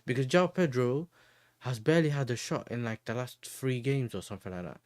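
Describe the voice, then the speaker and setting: A man's voice: medium pitch, animated, fairly quick, darkish tone, no room sound, studio quality. A young man hosting a casual football chat, full of slang and frequent laughter. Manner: laughs often, slangy banter. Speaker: host.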